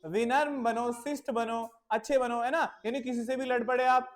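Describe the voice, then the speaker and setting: A woman with a fairly high, fairly even voice speaks at a moderate pace, teaching a class of children. An English teacher, she patiently drills short phrases over and over, calling her pupils "beta." The lesson mixes Hindi and English.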